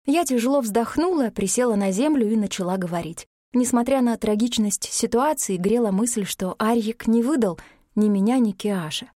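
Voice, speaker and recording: A woman narrating a first-person fantasy audiobook in a lively, expressive reading. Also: mid-range voice, no echo, clean studio sound.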